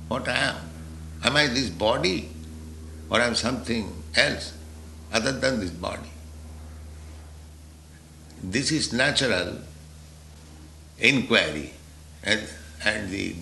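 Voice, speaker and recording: Male spiritual teacher, slow and deliberate, forceful gravelly voice, roomy echo. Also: mid-range voice, a little hiss or hum. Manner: deliberate, with rhetorical "huh?" checks. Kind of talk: philosophical lecture.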